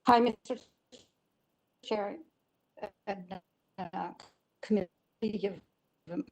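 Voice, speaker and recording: A woman neighbor speaking at a public hearing over a video call, halting and hesitant, her voice breaking up over a bad connection. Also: medium pitch. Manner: halting, hesitant, many fillers. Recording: choppy distant online call audio.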